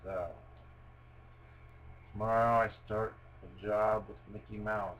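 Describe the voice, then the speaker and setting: A low-voiced man talks his way through building a Lego set on video in a level tone and at a slow pace, with dull audio. His running commentary is rambling and self-deprecating, with many fillers and restarts. He's at home at a table, and a cat is nearby.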